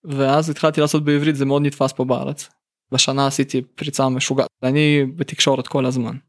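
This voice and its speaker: A man's voice: mid-range voice, level tone, no room sound, clean studio sound. A man from Russia with a Russian accent, talking candidly and colloquially in a casual interview as a musician guest. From St Petersburg, Russia.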